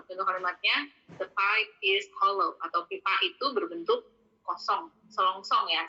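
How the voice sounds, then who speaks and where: Young woman, vocabulary teacher, slow patient delivery, repeats each word, husky voice, dull lo-fi recording. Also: mid-range voice, sharp tone. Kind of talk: relaxed spoken vocabulary lesson.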